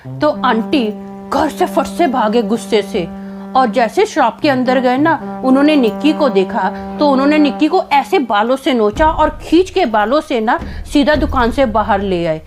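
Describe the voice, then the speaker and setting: Woman telling a juicy story on her vlog, high voice, lively and dramatic, faint music behind. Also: measured pace. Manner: animated, dramatic retelling with fillers. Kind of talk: casual personal storytelling vlog.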